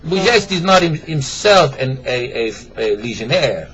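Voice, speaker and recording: A man telling a joke in a put-on French accent, halting and filling gaps with "uh" and stray French words. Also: mid-range voice, sing-song, lo-fi sound, a loud crowd. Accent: mock French. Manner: halting, full of fillers, sprinkled with French words. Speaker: joke teller.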